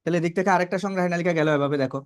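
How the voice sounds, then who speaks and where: A man's voice: high voice, very fast, dry recording, studio quality. A man teaching a biology class, asking questions and then answering them himself, and repeating key terms to drive them home. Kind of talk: classroom lecture.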